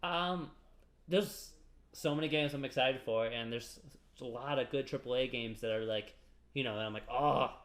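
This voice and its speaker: A man's voice: mid-range voice, normal speed, a bit bright. A man co-hosting a casual gaming podcast, talking in rambling runs full of fillers and restarts. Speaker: podcast co-host.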